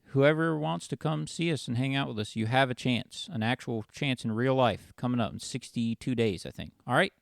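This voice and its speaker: A man's voice: mid-range voice, moderate pace, creaky, few pauses, no echo, clean studio sound. A man hosting a podcast in an informal, chummy, conversational way. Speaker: podcast host. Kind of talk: casual chat.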